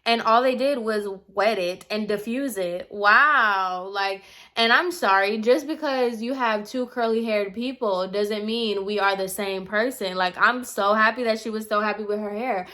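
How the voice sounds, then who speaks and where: A woman's voice: mid-range voice, unhurried, bright, forceful tone. Exasperated young woman venting a storytime. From Puerto Rican heritage. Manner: exasperated, emphatic, rants with many "like"s. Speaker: beauty vlogger. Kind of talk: storytime chat while doing makeup. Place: at home in front of a camera.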